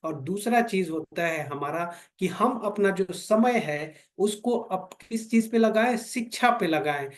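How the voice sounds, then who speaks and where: High-voiced man giving motivational training. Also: expressive, measured pace, few pauses. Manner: preachy, asks rhetorical questions, repeats phrases. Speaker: business trainer. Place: meeting room with fifteen to twenty people.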